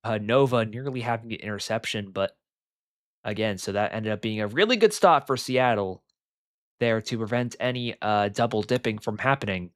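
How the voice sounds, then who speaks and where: A young man doing live play-by-play commentary on an online football game, excitable and rambling, with lots of filler words. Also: on the low side, normal speed, no echo, clean studio sound.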